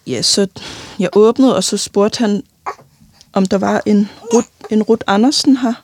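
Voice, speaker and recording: A young woman giving a halting, personal account of loss in an interview, often pausing and restarting, sometimes tearful. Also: medium pitch, darkish tone, no echo. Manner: halting, many fillers and restarts, tearful at times.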